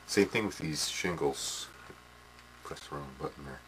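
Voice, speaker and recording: A middle-aged man with an extremely low voice talks through his workshop craft in a loose, rambling way. He trails off, restarts, and tags sentences with "eh". A steady hiss of noise sits under the camcorder audio. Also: unhurried. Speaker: hobby modeler. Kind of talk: casual workshop demo. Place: small indoor workshop. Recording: noisy home camcorder audio.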